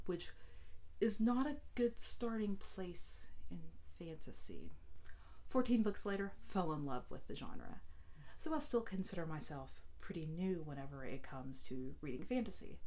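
Woman, late thirties, Appalachian accent, slightly low pitch, casual to-camera chat, video channel host. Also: a little mellow. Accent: Appalachian, West Virginia. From West Virginia, United States. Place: small room at home with bookshelves, indoors.

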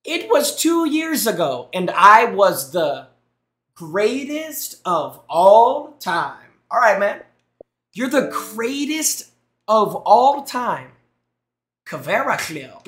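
Speaking slowly in a high, sing-song, fairly bright voice, this young man does casual live-stream commentary on a headset mic in a small room. He teases as he reacts to gameplay clips and thanks his chat, and the recording sounds roomy.

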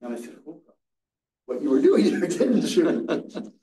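His pitch sits on the high side, with a sing-song, unhurried delivery and a dark tone. The older man is teaching a Sabbath school Bible class to a seated audience, earnestly narrating and restarting his words, captured from across a reverberant church room.

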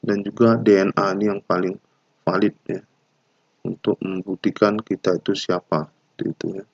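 Gravelly, husky man giving a lecture. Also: sits low, flat delivery, no room sound, muffled recording. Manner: unhurried explaining with frequent "ya" tags and hesitations. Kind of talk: recorded university lecture.

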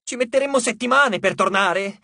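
A man voicing a small, mischievous dwarf with a squeaky, shrill, whining voice. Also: normal speed, vocal fry, bright, forceful tone, dry recording, studio quality, heavily acted. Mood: pleading.

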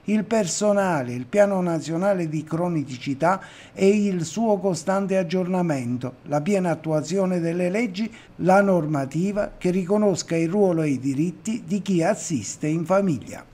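Formal male news reporter, high mellow voice. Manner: measured, formal reading.

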